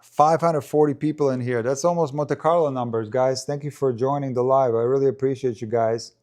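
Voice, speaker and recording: A man's voice: medium pitch, fairly even intonation, brisk, a little mellow. A man with a mid-range voice talks casually to his live-stream viewers. He rambles, restarts sentences and fills gaps with ums as he answers questions. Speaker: tennis coach and live-stream commentator.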